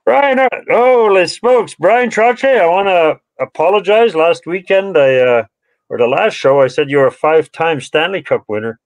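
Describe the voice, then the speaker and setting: A man hosting a live online show, speaking in a friendly, halting way full of fillers. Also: fairly high pitch, lively intonation, no room sound, rough recording. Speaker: host.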